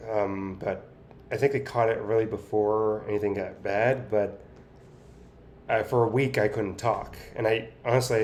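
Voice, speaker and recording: A man giving a casual, halting personal update, with effortful, impaired articulation as he talks biting down on a straw held in his teeth. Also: on the low side, a little mellow, a little hiss or hum. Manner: talking through clenched teeth, biting on a straw. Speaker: vlogger sharing speech progress.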